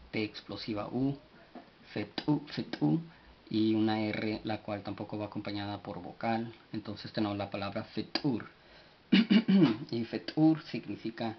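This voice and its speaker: A man teaching words in a spoken lesson, his low voice moving at a very slow, deliberate pace. He spells each word out letter by letter and fills the gaps with hesitant fillers. The recording is dull, with a faint hiss behind him. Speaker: language teacher.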